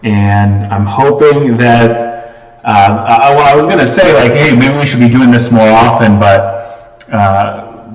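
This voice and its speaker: A man's voice: medium pitch, distant mic. A man hosting a casual live stream and chatting with viewers, his voice heavily echoing off a bare room. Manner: rambling, restarts and talks to chat. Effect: heavy echo from a bare room. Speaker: livestream host. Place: echoey room indoors. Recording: echoey room with long reverb.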